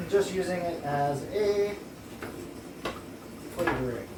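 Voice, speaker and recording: A man's voice: high voice, lively intonation, slow, background noise. A man hosting a home cooking video who chats casually, rambles and jokes while he works. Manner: rambling, joking, playful. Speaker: home cook and host. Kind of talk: casual cooking show chat. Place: home kitchen. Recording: echoey kitchen, mic at a distance.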